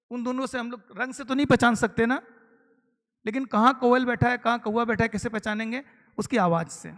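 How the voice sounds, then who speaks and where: A man's voice: very high voice, fairly bright tone. A man from eastern India training teachers, explaining step by step and asking the audience rhetorical questions. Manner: explanatory, asks rhetorical questions, mixes English terms. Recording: long hall reverb.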